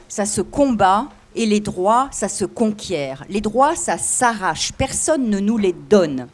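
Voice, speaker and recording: A woman lawyer with a slight lisp on her s sounds, giving a deliberate, didactic conference talk. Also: mid-range voice, a little mellow. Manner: deliberate, didactic, enumerates points. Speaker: lawyer, invited speaker.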